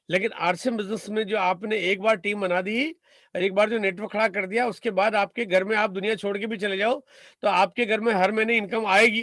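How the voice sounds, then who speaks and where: A man's voice: high-pitched, bright, forceful tone, no echo, studio quality. A man from India giving a motivational business talk, emphatic and rhetorical, stacking repeated phrases and asking his listeners "right?".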